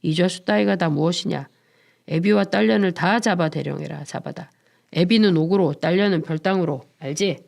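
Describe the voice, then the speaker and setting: A woman's voice: on the low side, moderate pace, creaky, darkish tone. A woman voicing a domineering, lecherous male provincial governor in a dramatized book reading. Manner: blustering, commanding.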